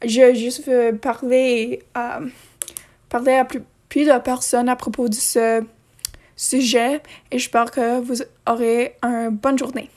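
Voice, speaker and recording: A woman speaking non-native French as a third language, presenting a scripted informational video in a halting, apologetic way with casual asides. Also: fairly high pitch, level tone, a little mellow. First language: not French; French is a third language.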